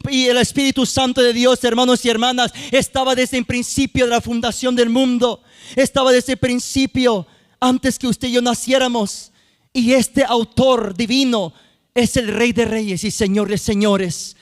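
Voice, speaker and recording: High-voiced preacher in a steady monotone. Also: male voice, moderate pace. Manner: repetitive preaching with frequent "hermanos y hermanas" and sung-out phrases. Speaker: youth minister. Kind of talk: sermon. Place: church sanctuary.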